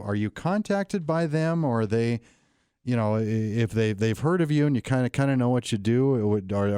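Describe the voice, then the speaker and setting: A man's voice: lowish voice, darkish tone, smooth, dry recording, studio quality. A man hosting an interview, asking rambling questions with many stops and restarts. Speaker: radio show host.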